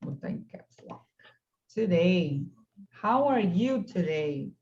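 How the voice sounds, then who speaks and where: Woman, English teacher, slow deliberate delivery, dull lo-fi call audio. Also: on the low side, sing-song, a little mellow. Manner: patient, models English phrases slowly for students. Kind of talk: online class.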